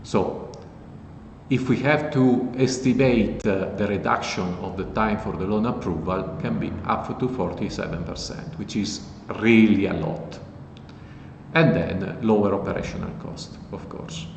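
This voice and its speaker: A man hosting a casual tech tutorial, walking through code in a relaxed, plain explanatory way. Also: on the low side, unhurried. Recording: echoey with long reverb and faint noise.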